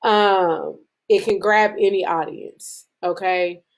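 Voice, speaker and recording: A woman with a mid-pitched voice teaches a group in a relaxed, conversational way. She rambles a little, with frequent "um"s and restarted phrases. Her pace picks up and slows as she gets excited. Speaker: business branding presenter. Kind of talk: casual teaching talk to a group.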